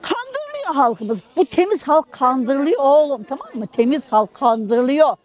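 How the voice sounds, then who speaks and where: Casting: woman, late 60s, high voice, toothless slurred diction, off-the-cuff street interviewee. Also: animated, normal speed. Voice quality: toothless, mushy articulation. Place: busy outdoor street market. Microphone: handheld reporter microphone held close.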